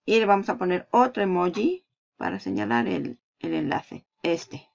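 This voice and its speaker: Gravelly-voiced woman teaching onscreen steps. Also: fairly low pitch, big pitch swings, moderate pace, a little mellow. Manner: walks through steps while clicking, asks and answers her own questions. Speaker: online marketing tutor. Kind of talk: screen-recorded tutorial. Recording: dull lo-fi sound.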